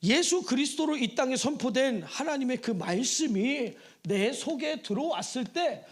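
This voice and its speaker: A male pastor giving a Wednesday evening sermon in a church, emphatic, with rhetorical questions and sudden shouts. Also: extremely high pitch, expressive, normal speed. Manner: acts out prayers in a pleading sing-song. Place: church sanctuary.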